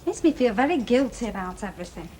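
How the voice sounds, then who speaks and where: A woman's voice: on the high side, big pitch swings, fast, a little mellow. An actress playing a chatty young woman, heard from a worn VHS tape copy with hiss and clicks.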